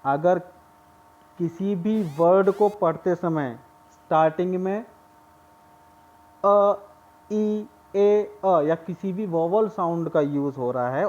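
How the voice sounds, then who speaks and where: Man teaching grammar, slightly high voice. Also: darkish tone, dull audio. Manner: explains step by step, often checks with "clear?". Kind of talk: grammar lesson.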